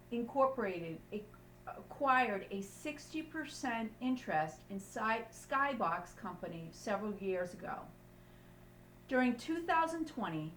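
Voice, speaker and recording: A female accounting instructor with a medium-pitched, fairly bright voice takes students through the lesson step by step. Her manner is emphatic and didactic, with frequent checks for understanding, captured on a distant mic in a roomy space with a faint hum.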